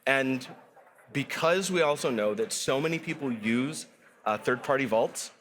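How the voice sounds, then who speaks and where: Upbeat man explaining a software product. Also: mid-range voice, animated, unhurried. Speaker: product guest. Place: conference studio set.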